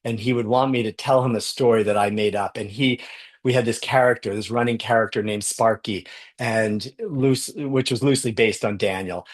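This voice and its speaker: A man's voice: lowish voice, steady tone, normal speed. A man giving a conference keynote, enthusiastic, often repeating words as he goes. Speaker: conference speaker. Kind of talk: keynote talk.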